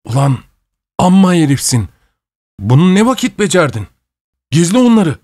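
A man voicing a timid, excitable young male laborer who pleads in a raised voice in an audiobook. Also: a little high, moderate pace, dry recording, studio quality, voice pushed up. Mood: excited.

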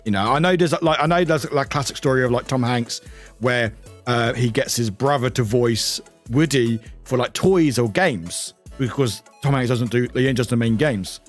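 A streamer reacting to a trailer live, excitable and scattered, swearing freely and interrupting himself. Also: male voice, medium pitch, normal speed, soft background music.

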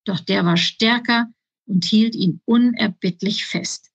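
A woman reads her children's book aloud in a calm, even storytelling voice. Her voice has a soft, breathy edge. She is recorded close up in a dry room. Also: medium pitch, slow, no room sound, dull audio. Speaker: author reading her book.

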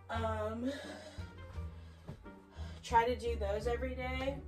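A woman's voice: on the high side, a little mellow, recorded from a distance, rough recording. A young woman vlogging casually, rambling with lots of fillers while she tidies and plans her day, sounding a bit out of breath. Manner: chatty, filler-heavy, talking while tidying. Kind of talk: casual vlog talk.

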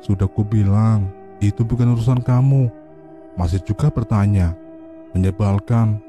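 A sharp-tongued female spirit, sulky and teasing, snapping her lines in a low, dark, mellow tone, as a male storyteller puts her on. Her words come out curt and pouting, with faint music underneath. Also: moderate pace, close to an everyday voice.

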